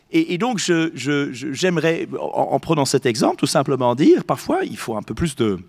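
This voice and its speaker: A man, an academic guest on a panel, tells an anecdote in a lively way and slips into English phrases. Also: fairly high pitch. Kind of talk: panel discussion. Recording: long hall reverb.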